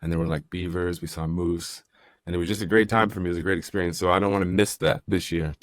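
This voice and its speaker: Podcast host: young man, very deep voice, relaxed and chatty, dry close mic. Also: quick pace, dry recording. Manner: easygoing, rambling, reads chat comments aloud. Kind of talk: casual podcast conversation.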